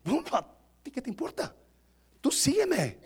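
A man voicing a blunt, dismissive Jesus, in a fairly high voice. He snaps back short, brusque retorts. It is told as a playful retelling inside a sermon. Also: wildly swooping pitch, measured pace, vocal fry, breathy edge, exaggerated voice.

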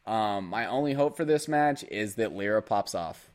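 A young man co-hosting a casual esports podcast, animated and joking. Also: lowish voice, normal speed. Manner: animated, joking, goofy put-on voices. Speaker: podcast co-host.

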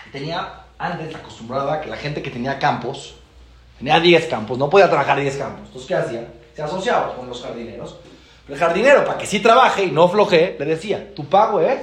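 Rabbi, animated storyteller, high and swooping voice, acts out dialogue. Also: male voice, reverberant. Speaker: rabbi teaching a class. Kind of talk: storytelling lesson.

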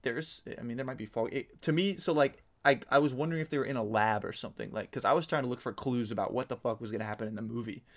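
A man's voice: medium pitch, fast, few pauses. Easygoing swearing man, podcast co-host. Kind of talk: casual chat.

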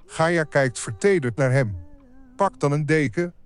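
A man giving calm, descriptive scripted narration for an audio drama. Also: on the high side, unhurried, smooth.

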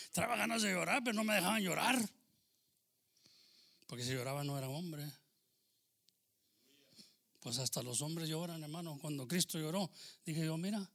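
A man preaching a sermon, shifting between loud proclaiming and quiet, confiding testimony. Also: a little high, expressive, moderate pace, creaky, pauses often. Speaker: pastor.

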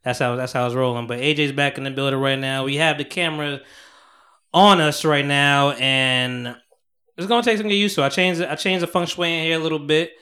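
A young man hosting a podcast in a small home studio, talking in loud, joking, slangy banter and laughing often. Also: on the high side, fairly even intonation, fairly quick. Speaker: podcast host. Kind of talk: casual chat.

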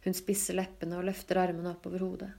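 Flat, mellow-voiced woman reading a novel. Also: gravelly. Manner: calm, even, low-key reading. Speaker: audiobook reader. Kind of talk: scripted literary narration.

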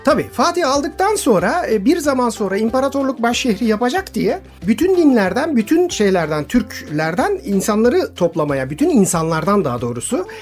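A woman from Istanbul tells travel stories in a radio interview, her fairly high voice rising and falling with animated energy. She speaks straight to the listener, and faint music sits underneath. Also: brisk, few pauses. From Istanbul, Turkey. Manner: lively anecdotal storytelling, addressing listeners directly. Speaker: touring cyclist, radio guest.

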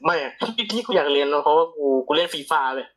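A man's voice: fairly high pitch, lively intonation, fast talker, fairly bright tone. A young man co-hosting a casual podcast, joking with friends and often stammering over repeated words. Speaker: podcast co-host.

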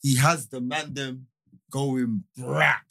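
A man with a London roadman accent in animated group banter, speaking emphatic street slang and repeating himself to drive points home. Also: medium pitch, slow, vocal fry. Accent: London, urban street slang.

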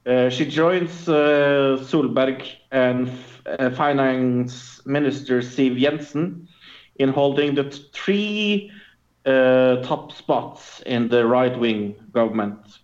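A man's voice: medium pitch, takes it slowly, lo-fi sound. A man co-hosting a podcast in casual chat from a hospital room, with a laid-back delivery and lots of fillers, his voice sounding like it is in a cave. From Norway. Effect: cave-like echo. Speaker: podcast co-host.

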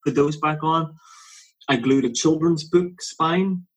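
A man in casual conversation as a podcast co-host, telling rambling stories and interrupting himself, his voice jumping up when he gets excited. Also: on the high side, slow pace, crowd noise, poor audio. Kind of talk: casual chat.

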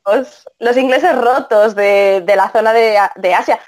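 Woman, Spain Spanish accent, fairly high voice, animated, guest on a podcast. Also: unhurried. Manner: animated, acts out quoted dialogue. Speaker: guest, translator. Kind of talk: casual podcast chat.

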